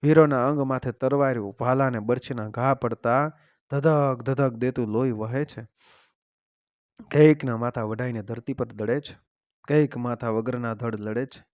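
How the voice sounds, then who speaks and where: A man's voice: mid-range voice, a little mellow, clear, resonant tone, no echo, studio quality. A man narrating a heroic folk legend in a dramatic, declamatory style, reciting verse along the way. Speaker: storyteller.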